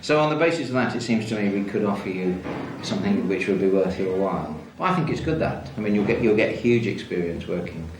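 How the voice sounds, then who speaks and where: A very low-voiced man from a school's staff speaks formally in his office, measured and a little hesitant. The sound is roomy and distant. A steady noise runs underneath. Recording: echoey room, far from mic, noisy.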